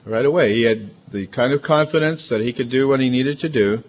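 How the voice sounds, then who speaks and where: A man preaches briskly in a mid-range voice, his pastor's sermon chatty and sprinkled with asides. His voice is big and emphatic throughout. Recording quality is dull and lo-fi.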